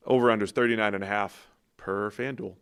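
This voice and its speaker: A man co-hosting a casual football podcast, trading quick banter and introducing the games. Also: mid-range voice, creaky, sharp tone. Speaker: podcast co-host, football analyst. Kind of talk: casual sports podcast chat.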